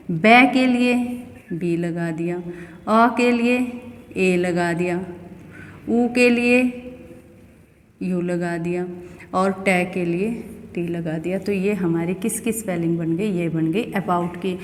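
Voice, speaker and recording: A woman's voice: fairly low pitch, unhurried. A woman from India teaching an English pronunciation lesson, explaining step by step and often asking the student questions. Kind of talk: classroom lesson. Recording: echoey room with long reverb.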